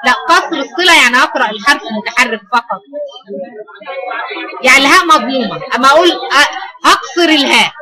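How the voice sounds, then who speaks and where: Egyptian woman teacher, high voice, quizzes students and repeats their answers, class noise behind. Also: lively intonation, quick pace, long pauses, crowd noise, rough recording. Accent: Egyptian Arabic. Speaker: Quran recitation teacher. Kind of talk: lecture on recitation variants.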